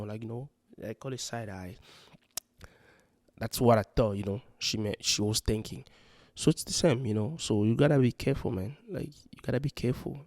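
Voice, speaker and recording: Giving parenting advice in a casual vlog monologue, this man from Congo rambles earnestly and leans heavily on "you know." His mid-range voice is a little mellow. Recorded on a handheld or close mic, the audio is studio quality with no room sound.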